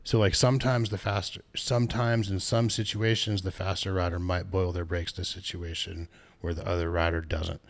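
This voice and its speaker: A man with a low voice talks loosely and at length, backtracking and fixing his own numbers as he goes. He chuckles at his own stories in a relaxed, unscripted chat. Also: normal speed, vocal fry. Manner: rambling, self-correcting, laughs at own stories. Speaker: podcast co-host, bike shop staff. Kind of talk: casual chat.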